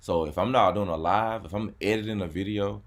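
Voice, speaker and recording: A fairly low-pitched man talks fairly quickly, hosting a YouTube car channel in a casual chat. He's laid-back, repeats words, and says "man" a lot.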